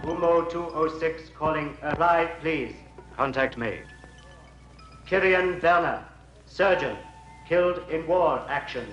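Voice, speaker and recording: Echoey, commanding alien leader. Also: male voice, fairly high pitch, slow pace, highs cut off, music in the background. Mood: cold, commanding. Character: cold, commanding male alien mission leader. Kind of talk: dubbed vintage science-fiction film acting. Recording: echoey old film soundtrack.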